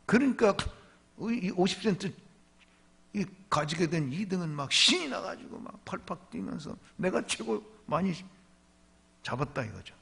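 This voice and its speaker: A pastor preaching at a revival meeting, telling a story with lively delivery and questioning the congregation. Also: male voice, sits high, normal speed, creaky, slightly rough. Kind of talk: revival sermon.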